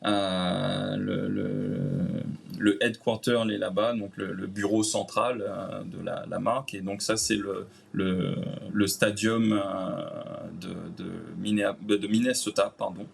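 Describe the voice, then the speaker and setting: A man from Réunion, speaking French with a Réunionese accent, chats informally in an interview, pausing on many "euh" fillers and using creole-tinged phrasing. His fairly low voice is slow and flat, with vocal fry and a breathy edge.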